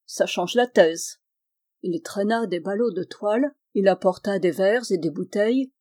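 A woman narrating a literary novel in a measured, expressive reading. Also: medium pitch. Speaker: audiobook reader.

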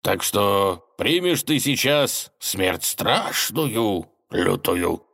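A man doing Gorynych, soft-voiced three-headed dragon. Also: fairly low pitch, big pitch swings, vocal fry, full character voice. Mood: grumbling. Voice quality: soft, mild voice. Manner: slow, drawn-out, grumbling. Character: three-headed dragon villain, huge, grumbling but soft-hearted. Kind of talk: storybook character voice.

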